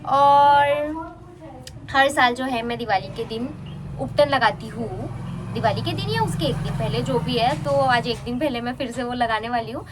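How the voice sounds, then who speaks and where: Fast-talking young woman vlogging at home. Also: fairly high pitch, heavy background noise. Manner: chatty, mixes in English words. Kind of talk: casual home vlog. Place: at home, indoors and on a terrace. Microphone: handheld phone.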